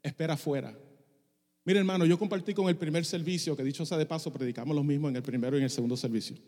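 A man's voice: a little high, fairly even intonation, rapid-fire, dark tone, big-room sound. A middle-aged male pastor preaching a passionate sermon, dropping English phrases into his Spanish. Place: church sanctuary.

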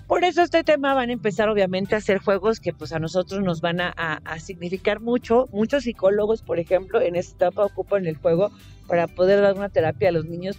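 A Mexican woman talks to parents on a radio segment in a medium-pitched, chatty voice. She laughs often and speaks straight to her listeners. The sound is dull and lo-fi, with faint music underneath. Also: a little mellow. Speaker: early education expert guest.

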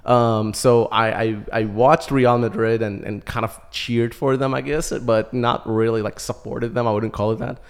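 A man's voice: mid-range voice, level tone, moderate pace, hardly any pauses, smooth. A man in his thirties, from Iraq, a podcast guest telling his story in a chatty way and laughing often. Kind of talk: casual chat.

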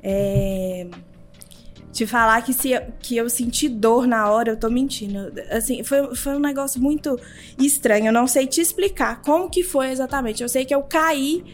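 Young mineira woman on a podcast, high voice, lively storytelling, plays out the other voices in dialogue. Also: normal speed, faint music behind. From Brazil. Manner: animated, acts out quoted dialogue. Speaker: podcast guest. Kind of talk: casual interview storytelling.

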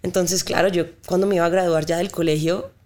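A woman's voice: on the low side, brisk. A woman in her thirties from Cali, Colombia, a singer-songwriter chatting as a guest and telling stories with sung syllables. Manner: lively storyteller imitating notes with sung syllables. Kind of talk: casual interview chat.

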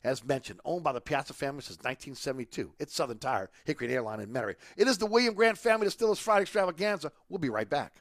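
A man's voice: on the high side, animated, rapid-fire, hardly any pauses. A man hosting a radio show, delivering conversational, ad-libbed sponsor reads in a rambling, repetitive way. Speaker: sports and culture radio show host. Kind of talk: live radio ad read, conversational.

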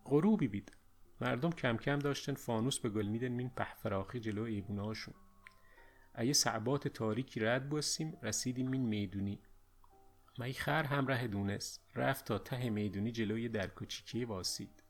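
A man narrating a first-person story in dialect with steady, reflective storytelling. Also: medium pitch, faint music behind. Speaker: audiobook narrator.

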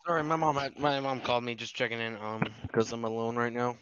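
A man co-hosting a podcast, chatting loosely and circling back with fillers and restarts. His voice sounds smooth and resonant. The recording is dry and a little lo-fi. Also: mid-range voice, level tone, fast talker, fairly bright tone, no echo. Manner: rambling, with many fillers and restarts. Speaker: podcast co-host. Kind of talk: casual chat. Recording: slightly dull lo-fi sound.

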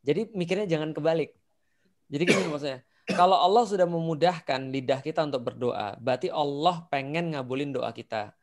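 Guy preaching casually, kinda high voice, tells stories and acts out the people in them. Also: a little fast. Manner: explains with stories and acted quotes. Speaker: Islamic preacher giving advice. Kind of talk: casual religious advice.

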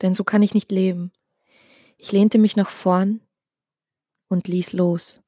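A woman giving an emotional, intense reading of a dark first-person story, with some passages dropped to a hush. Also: medium pitch, flat delivery, slow, no room sound, studio quality.

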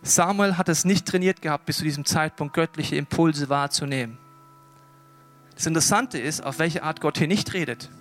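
A man preaches a lively sermon in a high-pitched voice. He is animated and often slows down to stress a point, with soft music faintly underneath. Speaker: pastor.

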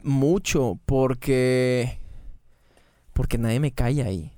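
A man with a Mexican Spanish accent, a singer talking casually as a podcast guest, slangy and quick with many restarts. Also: medium pitch, mellow, no room sound, studio quality. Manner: slangy, fast and repetitive, restarts mid-phrase. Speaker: singer and band founder, guest. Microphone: studio mic in a small treated room.

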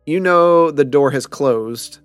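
A man running a tabletop game as game master, narrating in a halting way with many pauses. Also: fairly high pitch, no echo, faint music behind. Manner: halting, with many ums and restarts.

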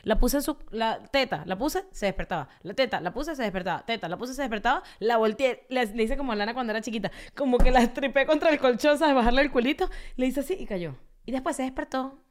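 A woman's voice: a little high, fast talker, few pauses. A woman in her thirties with a Venezuelan accent, chatting and telling stories as a podcast co-host, often laughing. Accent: Venezuelan Spanish. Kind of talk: casual chat.

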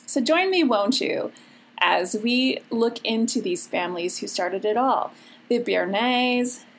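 A woman's voice: fairly high pitch, lively intonation, measured pace, a little hiss or hum. A woman with a Chicago accent hosting a chatty, gossipy history podcast in a breezy, conversational way. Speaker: podcast host.

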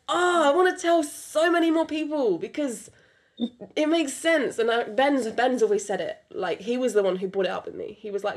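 A young woman hosts a podcast, her voice pitched fairly high with a somewhat dark tone. She speaks with a British accent, though French is her first language. Her chat is casual and rambling, packed with fillers and restarts.

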